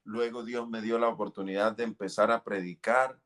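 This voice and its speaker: A man's voice: lowish voice, steady tone, normal speed. A middle-aged man giving an earnest, fervent testimony in an interview. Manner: earnest, fervent, relives moments with cries and shouts. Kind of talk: emotional testimony.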